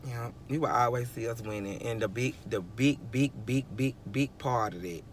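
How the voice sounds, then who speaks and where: A vlogger in his twenties speaks at a moderate pace in a medium-pitched voice, with a little hiss or hum in the background. His motivational monologue is rambling and emphatic, full of chuckles and restarted sentences.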